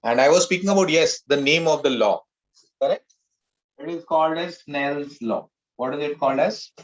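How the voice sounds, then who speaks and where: A man's voice: fairly high pitch, extremely slow, dull audio. A male physics teacher giving an online class, mixing Hindi and English and asking the class questions, repeating each key term.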